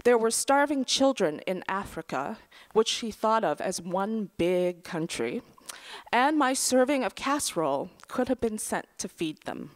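A middle-aged woman reading her own memoir essay aloud at a lectern in a large auditorium, dry and wry, with soft trailing phrase endings. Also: medium pitch, very animated, measured pace. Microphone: lectern microphone.

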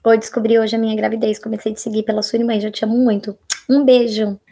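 A young Brazilian woman with a husky voice, hosting a casual live Q&A, chatting and reading viewer questions aloud, sometimes dropping to a hush. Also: fairly high pitch, little pitch movement, fast talker. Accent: Brazilian Portuguese. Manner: chatty, reads viewer comments aloud, drops to a hushed voice for private topics. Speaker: live-stream host answering viewer questions.

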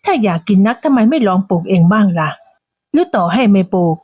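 A woman's voice: mid-range voice, big pitch swings, fast talker, darkish tone, no echo. A woman doing a stern, scolding old granny. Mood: indignant.

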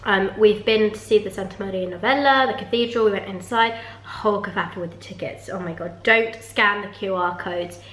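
A young woman vlogs casually, chatting candidly with small restarts to a handheld camera held at arm's length. Her medium-pitched voice runs a little fast, echoing around the small bathroom and sitting room of a holiday rental flat.

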